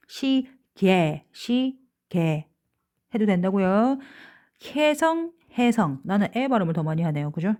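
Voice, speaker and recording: A woman's voice: medium pitch, darkish tone. A woman teacher giving a school lesson, explaining step by step, checking in with rhetorical questions and stretching out words she wants to stress. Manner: stretches out words and letter names when stressing them.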